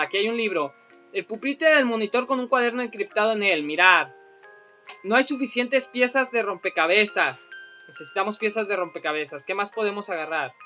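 A man commentating a video game, thinking aloud and bursting into excited outcries. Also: sits high. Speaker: gameplay commentator. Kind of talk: let's play commentary.

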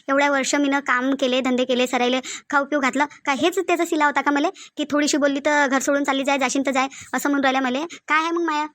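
A high-pitched, slightly bright female voice with a Varhadi Marathi accent portrays an aggrieved, stubborn young daughter-in-law in an animated family drama, insistently repeating her complaints.

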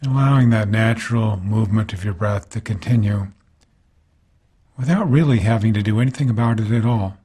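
Guiding a body scan meditation, a teacher with a lowish, breathy-edged voice speaks calmly and gently. His phrases come unhurried, separated by pauses.

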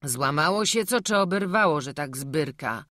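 A woman voicing a gruff, suspicious middle-aged man driving a wagon, talking loudly. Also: low-pitched, lively intonation, moderate pace, no echo, clean studio sound. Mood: grumbling. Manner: loud, gruff, grumbling.

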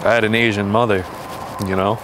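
A man's voice: on the low side, level tone, fairly quick. A young man chatting casually and swearing as he complains about his mouth burning from spicy food, recorded outdoors. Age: young adult. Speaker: challenge vlogger. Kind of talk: casual banter with profanity. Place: outdoors on a backyard wooden deck. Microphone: camera a few steps away. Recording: noisy outdoor recording, some traffic ambience.

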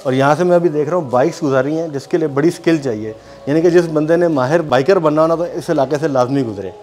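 A man's voice: fairly high pitch, fast, darkish tone. A man giving casual on-camera commentary while walking narrow old alleys outdoors. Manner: chatty, pointing things out.

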